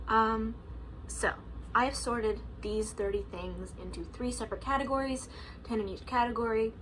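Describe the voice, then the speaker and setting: A vlogger in her early twenties chats casually to the camera at home, saying "like" and "um" a lot and laughing often. Her mid-range voice is fairly bright, but the audio is poor, with slight background noise.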